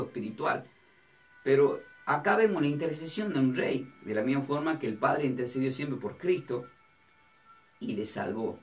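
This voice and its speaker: A man, a pastor teaching a Bible study sermon, who asks his listeners questions and then answers them himself. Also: medium pitch. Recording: distant mic with faint music.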